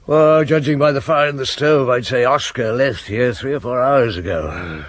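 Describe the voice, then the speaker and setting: A man's voice: medium pitch, moderate pace, no echo, natural voice. An actor playing a seasoned, fatherly chief inspector in a radio drama, terse, dry and authoritative. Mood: terse, commanding. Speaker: lead detective in a radio drama. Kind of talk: naturalistic radio drama acting.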